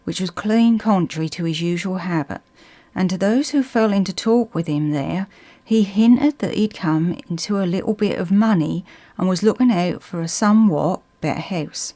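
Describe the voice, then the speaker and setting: A woman with a Suffolk accent reading a ghost story as scripted narration in a measured storytelling manner. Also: fairly low pitch, mellow.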